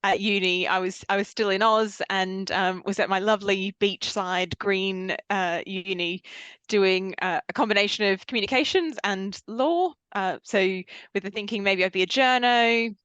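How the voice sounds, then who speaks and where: A woman with a mostly British accent and a faint Australian trace talks as an interview guest. Her voice sits mid-range, lively and self-deprecating, and the recording is very dry and close. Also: mid-range voice, normal speed, clean tone, no echo, lo-fi sound. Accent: mostly British with a slight Australian trace. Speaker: guest, energy association chief executive. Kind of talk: casual interview chat.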